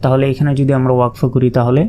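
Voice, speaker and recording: A man's voice: medium pitch, little pitch movement, racing, mellow. A man teaching Quran reading, spelling out letters and vowel marks patiently, stretching sounds in his examples. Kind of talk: step-by-step spelling lesson.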